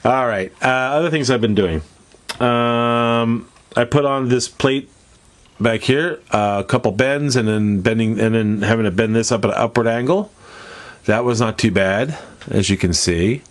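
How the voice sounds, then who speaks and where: A man's voice: mid-range voice, unhurried. A congested man with a nasal voice, casually walking viewers through a hobby demonstration in a folksy, rambling way. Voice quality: stuffed-up, nasal. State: congested from allergies. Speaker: host of a model-building tutorial. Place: indoors at a hobby workbench.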